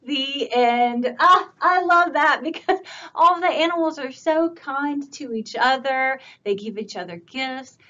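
A woman children's librarian reading picture books aloud for storytime, with a warm, expressive storytime delivery. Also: high-pitched, measured pace, muffled recording.

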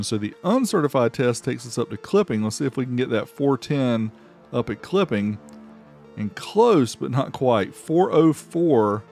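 A middle-aged American man hosts a car audio amplifier review channel, narrating a casual product review with playful, showy emphasis. His mid-range voice is a little mellow, and music plays faintly in the background.

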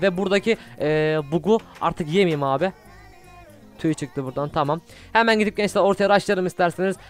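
A young man commentating his own video game play, excitable and easily frustrated, swearing often. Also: a little high. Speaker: gaming YouTuber. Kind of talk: Minecraft gameplay commentary.

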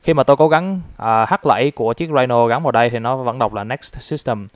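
A man's voice: medium pitch, brisk, slight background noise. A man from Vietnam casually reviewing a toy, explaining it step by step with frequent fillers.

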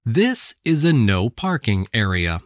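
An American woman reading English textbook passages aloud with careful, deliberate enunciation. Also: very deep voice, big pitch swings, dry recording, clean studio sound. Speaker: English text reader. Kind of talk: slow scripted textbook reading.

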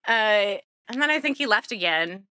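A woman in her thirties telling a true story live on stage, lively and laughing, acting out the people she quotes with big jumps in pitch. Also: moderate pace, no room sound, clean studio sound.

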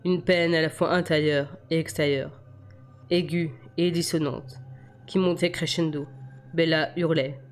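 A woman's voice: deep voice, measured pace. Woman reading a novel aloud. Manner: steady reading with occasional stumbles. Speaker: amateur audiobook reader.

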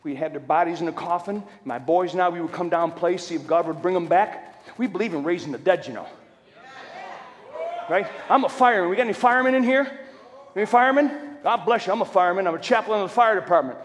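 A middle-aged man preaching a testimony sermon as a preacher and fire chaplain, loud, shouting at times and joking. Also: high-pitched, quick pace. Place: large church hall. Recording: long hall reverb.

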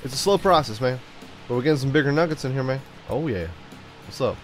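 A young gaming YouTuber with a stuffed-up cold voice gives goofy, jokey let's-play commentary while he plays, singing and riffing to himself. His mid-range voice is expressive and he talks fast, with soft music in the background.

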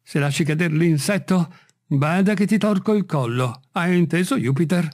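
A man doing an agitated, feverish gentleman. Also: fairly high pitch, animated, moderate pace, voice pushed up, close to an everyday voice. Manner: agitated, urgent. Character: excitable gentleman, feverish and commanding. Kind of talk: audiobook reading.

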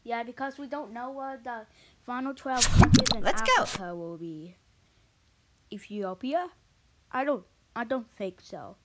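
Slow, chatty female marble race commentator. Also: fairly high pitch, crowd noise. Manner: rambling and chatty, with sudden excited shouts. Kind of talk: casual commentary over a marble race video. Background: background music.

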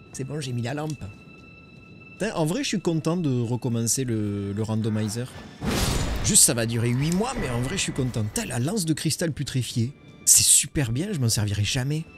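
Excitable French man streaming a game. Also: medium pitch, moderate pace, pauses often. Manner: excitable, swearing, joking with chat. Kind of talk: casual gaming stream commentary. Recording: music behind voice.

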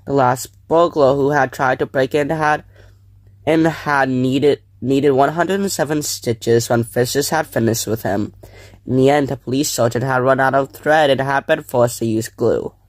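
A man's voice: mid-range voice, a little slow, dry recording. Man reading a children's book aloud. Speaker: reader.

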